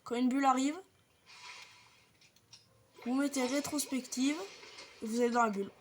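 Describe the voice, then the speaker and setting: High-voiced woman chatting through gameplay. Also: fairly even intonation, moderate pace, a little hiss or hum. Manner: chatty, swears lightly, explains steps to viewers. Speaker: gaming video creator. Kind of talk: casual gameplay walkthrough commentary.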